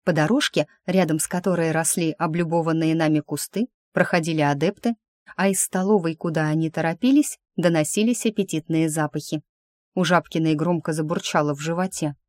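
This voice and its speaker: A woman reading an audiobook aloud with lively, expressive narration. Her voice sits on the low side, and the recording is dry and close. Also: fairly quick, no room sound.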